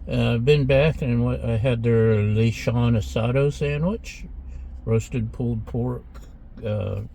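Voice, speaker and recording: A man's voice: mid-range voice, takes it slowly, gravelly, warm tone, a little hiss or hum. A middle-aged man hosting a casual food taste-test vlog in a restaurant, chatty and rambling as he eats between sentences. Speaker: food vlogger.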